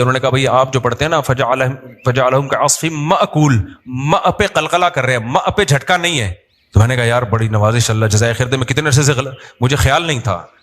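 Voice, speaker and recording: A man's voice: medium pitch, fairly quick, fairly bright tone. A middle-aged man, a religious teacher and imam, giving a conversational sermon with humour and little acted-out quotes. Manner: conversational, humorous, acts out quoted people.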